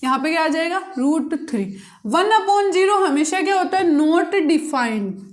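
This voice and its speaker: A woman's voice: very high voice, moderate pace. A woman maths teacher explaining a lesson step by step, asking the class questions and answering them herself. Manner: patient, repetitive step-by-step explaining. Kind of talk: blackboard-style maths lesson.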